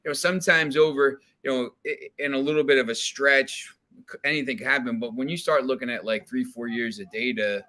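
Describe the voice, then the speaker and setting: A man from New Jersey, USA, appears as a guest on a sports betting podcast, talking casually and rambling with many restarts and fillers. His medium-pitched voice has a sharp tone, fairly even intonation, and a fairly quick pace.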